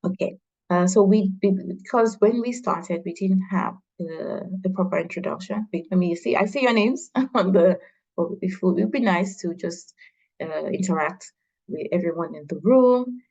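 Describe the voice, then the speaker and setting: Woman host, low husky voice, halting speech, lots of ums. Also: warm tone, highs cut off. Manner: halting, many fillers and restarts. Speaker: event host. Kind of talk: hosting an online launch meeting.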